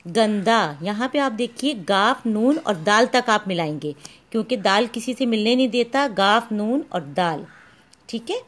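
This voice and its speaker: A Pakistani school teacher gives a slow, patient lesson, spelling out letters one at a time and addressing her pupils as "beta." Her medium-pitched voice is animated, a little slow, and fairly bright.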